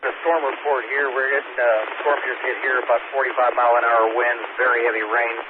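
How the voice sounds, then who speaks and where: Low-voiced man on crackly two-way radio. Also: flat delivery. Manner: halting, low-key report. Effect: two-way radio transmission. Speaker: storm spotter calling in. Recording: tinny distant radio with loud static.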